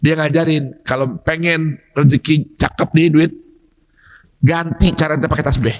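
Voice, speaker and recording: A man giving a dawn sermon in a mosque, teasing the congregation with questions and bursting into loud emphatic shouts. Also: a little high, fairly even intonation, unhurried. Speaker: preacher.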